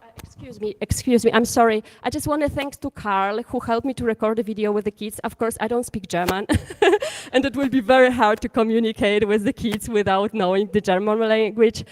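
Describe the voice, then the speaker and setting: A woman's voice: on the high side, a little fast. A woman artist answering a panel question, hesitant and restarting, often breaking into laughs. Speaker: invited artist. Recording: echoey hall.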